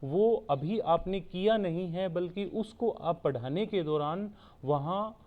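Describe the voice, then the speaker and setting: A man giving a steady explanatory online lecture as a teacher-training instructor, repeating points so students can take notes. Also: high-pitched, slow. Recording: tinny phone-like recording.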